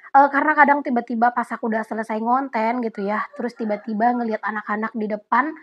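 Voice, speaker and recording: A young woman talks through viewer questions in a relaxed, chatty vlog manner, turning to her audience again and again. Her voice sits a little high. The audio is dull and lo-fi, as from a simple home setup. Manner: relaxed, chatty, often addresses viewers directly. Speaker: vlogger answering viewer questions. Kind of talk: casual Q&A chat.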